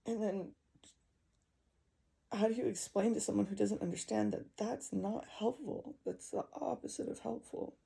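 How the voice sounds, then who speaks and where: A young woman venting to camera about her struggles, upset and halting, often repeating herself. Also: mid-range voice, steady tone, vocal fry, warm tone, husky. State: distressed. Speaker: vlogger. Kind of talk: emotional personal vent.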